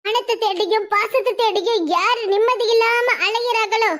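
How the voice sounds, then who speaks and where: A woman's voice: extremely high pitch, fairly even intonation, fairly bright tone. A woman doing a smug scheming gang woman. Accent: southern Tamil Nadu. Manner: slow, mocking, bossy. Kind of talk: cartoon voice acting.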